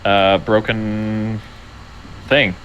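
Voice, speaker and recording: A man's voice: lowish voice, little pitch movement, drawn-out words, a bit bright, dull audio, slight background noise. A man player chatting casually at a tabletop game, rambling and joking.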